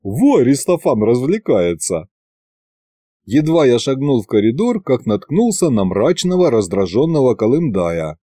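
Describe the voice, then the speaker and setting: A man narrating an audiobook in first person with a wry, lively storytelling manner. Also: lowish voice, dry recording, studio quality. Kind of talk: scripted narration.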